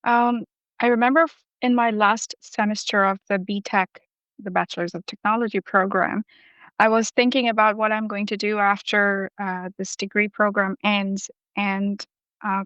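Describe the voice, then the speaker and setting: A woman's voice: mid-range voice, a bit bright, clear, resonant tone, dry recording, lo-fi sound. A young woman from Bangladesh, a guest in an interview, speaking thoughtfully with frequent ums and uhs. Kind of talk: casual interview.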